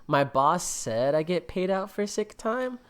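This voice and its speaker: A man's voice: high voice, very animated, measured pace, smooth. A man co-hosting a podcast in casual chat, rambling with lots of fillers and jokes. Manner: rambling, filler-heavy, jokey. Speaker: podcast co-host.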